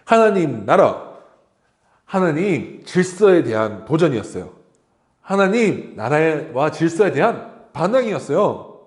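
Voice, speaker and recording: A man's voice: fairly high pitch, sing-song, a little mellow, roomy sound. A man preaching to children in church, asking questions and acting out short asides. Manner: asks the children questions and acts out the snake and Eve in quick asides. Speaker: children's pastor. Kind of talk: children's sermon. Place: church worship room.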